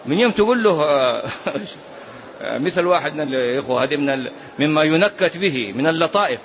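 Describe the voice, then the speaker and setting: A man teaching a religious lesson as a sheikh, telling stories and urging his listeners with animated exhortations. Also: a little high, moderate pace. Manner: animated storytelling with urgent exhortations. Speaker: sheikh teaching a hadith book. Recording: dull lo-fi recording, faint hiss.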